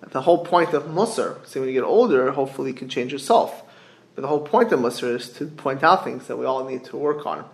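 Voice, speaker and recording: A middle-aged man with gives an informal religious sermon, haltingly repeating phrases and posing rhetorical questions. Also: medium pitch, gravelly. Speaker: rabbi giving a religious class. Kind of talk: informal sermon, explaining texts with anecdotes. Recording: echoey room.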